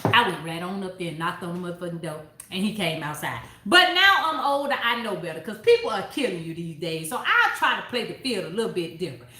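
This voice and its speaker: A woman's voice: on the low side, big pitch swings, brisk, pushed and bright, a little hiss or hum. A woman hosting a book club, recapping chapters in a casual, profane way and laughing as she talks. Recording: echoey room.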